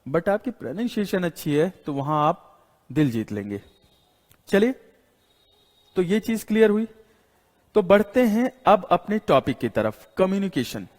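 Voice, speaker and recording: A male teacher giving a classroom lecture. He explains slowly, repeats his points and keeps asking "got it?", mixing English words into Hindi. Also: high-pitched, sing-song. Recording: long hall reverb.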